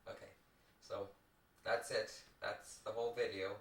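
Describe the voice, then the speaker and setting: A young man giving a halting, rambling, casual opinion in a vlog, recorded on old VHS tape. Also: fairly low pitch, flat delivery, vocal fry, fairly bright tone. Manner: halting, rambling delivery with repeated phrases. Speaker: video host. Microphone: distant microphone, recorded onto a VCR. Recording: echoey, distant, home VHS tape recording.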